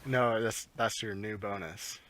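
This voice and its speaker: Slow, low-key man running the game. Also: steady tone, a bit bright. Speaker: game master. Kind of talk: narrating a tabletop game.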